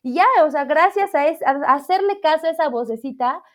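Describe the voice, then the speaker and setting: A woman, a math teacher, chatting in an interview about her career path in a lively, self-deprecating way. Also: high-pitched, brisk. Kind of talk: casual interview chat. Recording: slightly dull lo-fi audio.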